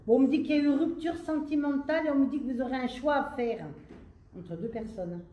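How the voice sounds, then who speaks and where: A woman giving a psychic reading in a theatrical, drawn-out way. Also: high-pitched, lo-fi sound, a little hiss or hum. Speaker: medium.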